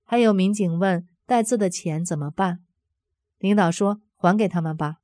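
A woman reading a first-person testimony aloud in an earnest, steady voice. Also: lowish voice, moderate pace, no room sound, clean studio sound.

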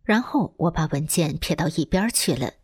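A woman reading a first-person testimony aloud in a steady, earnest way. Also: sits low, fairly quick, breathy edge, no echo, studio quality.

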